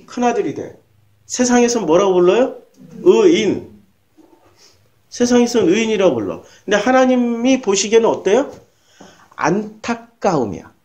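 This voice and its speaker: A man's voice: sits high, very animated, normal speed, long pauses, darkish tone. A man preaching a sermon as pastor, asking his listeners questions and answering them himself, and acting out short quoted lines.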